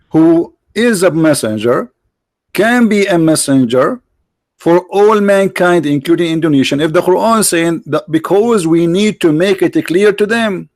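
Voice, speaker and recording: A man's voice: high voice, no room sound. Insistent man debating, English. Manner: insistent, argumentative, repeats points. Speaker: debate host. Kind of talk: call-in debate.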